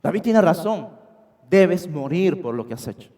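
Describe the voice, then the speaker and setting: A man delivers an expository sermon from the pulpit in a church sanctuary. His voice sits high and carries with emphasis, often calling the congregation his brethren. A long reverb from the hall follows his words. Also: big pitch swings, normal speed, dark tone. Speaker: preacher.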